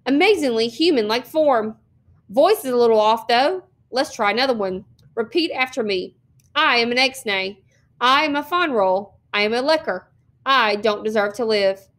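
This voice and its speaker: A cruel teenage bully boy, put on by a woman reading aloud, taunting and bossy. His voice sits fairly high, and he mocks with cold contempt. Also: lively intonation, moderate pace, a bit bright. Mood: mocking. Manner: mocking, taunting, commanding.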